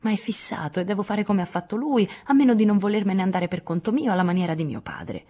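A woman voicing a restless, excitable teenage boy who resents his duties in a storybook reading. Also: low-pitched, fairly quick, slightly rough, heavily acted. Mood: rebellious. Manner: excitable, rebellious.

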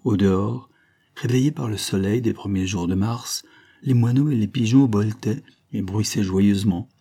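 A man narrating a novel aloud in a measured, even storytelling manner. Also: lowish voice, husky. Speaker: audiobook reader. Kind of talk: scripted narration.

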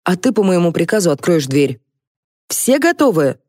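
A woman's voice: lowish voice, very animated, normal speed, darkish tone, dry recording, clean studio sound. A woman reading an audiobook, voicing a frantic, eccentric male ornithologist who shrieks out commands. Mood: commanding.

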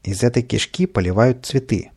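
A man's voice: medium pitch, moderate pace, natural voice. A man voicing a mischievous, bossy little sprite who eggs a boy on in a children's audiobook. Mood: coaxing. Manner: excited, coaxing, shouting orders. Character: mischievous impish male sprite, bossy troublemaker.

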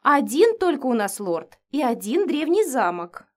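A woman reads a stout older cook, kindly yet strict, who lectures in a folksy, matter-of-fact way. Her pitch rises and falls freely, sitting a little high for a woman. This is a storybook voice. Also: big pitch swings, unhurried, exaggerated voice.

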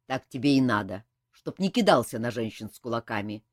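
A woman's voice: low voice, sing-song, unhurried, darkish tone, slightly rough, no echo, studio quality, heavily acted. A woman reading an audiobook, voicing a stern male army colonel who barks orders. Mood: lecturing. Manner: barking orders.

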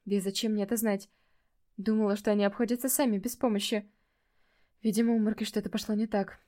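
Woman narrating a fantasy audiobook in first person, warm mellow tone, measured, perks up for the dialogue. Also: medium pitch, steady tone. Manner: measured storytelling, livelier and louder in dialogue, quieter in reflective asides.

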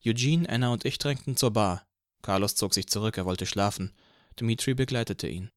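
A man narrating an audiobook in the first person with an even, measured reading from a close studio mic. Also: lowish voice, clean tone, no room sound.

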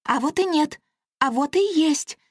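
A woman reading a storybook aloud and voicing a small, excitable girl air fairy who talks in an eager, insistent rush. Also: high voice, moderate pace, no room sound, clean studio sound, pitched above the performer's own voice. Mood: excited. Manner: breathless, insistent, bubbly.

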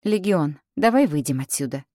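A woman reading the lines of a stubborn young heroine, a little higher than her narration. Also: expressive, normal speed, warm tone, no room sound, clean studio sound. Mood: urgent, defiant.

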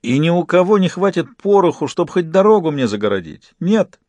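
A man reading a triumphant would-be god who taunts his enemies in loud, gloating threats. The voice sits higher than the narration and rings dry and close. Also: sing-song, moderate pace, no room sound.

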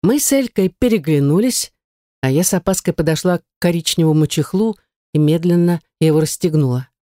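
Woman audiobook narrator, expressive storytelling, dry studio sound. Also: sits low, fairly quick, dry recording.

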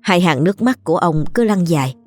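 A woman's voice: on the low side, animated, fast, a little mellow, soft background music. A woman, steadily narrating a ghost story.

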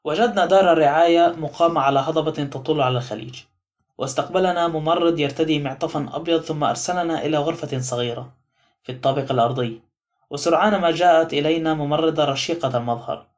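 A man narrating an audiobook novel in a measured storytelling manner. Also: on the high side. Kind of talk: scripted narration.

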